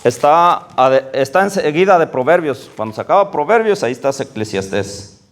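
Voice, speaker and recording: A man giving a conversational sermon, often checking in with the congregation and slowing down to read scripture aloud. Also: lively intonation, roomy sound. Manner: slows down and rises in pitch when reading scripture. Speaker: preacher. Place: church hall.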